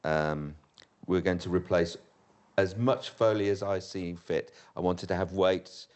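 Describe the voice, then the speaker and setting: Deep-voiced joking male developer. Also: steady tone, unhurried, darkish tone. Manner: confident and joking. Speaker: audio developer guest. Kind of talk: casual panel chat.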